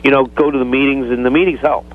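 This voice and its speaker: A man calls into a radio show over a narrow, tinny phone line, his mid-range voice showing little pitch movement. He talks casually but haltingly and earnestly, sidestepping as he explains himself.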